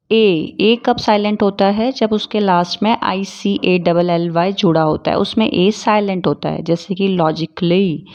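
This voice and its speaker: A woman's voice: medium pitch, a little mellow. Woman teacher, patient and repetitive, asks viewers questions back, dull lo-fi sound. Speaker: English teacher. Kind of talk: spoken English lesson.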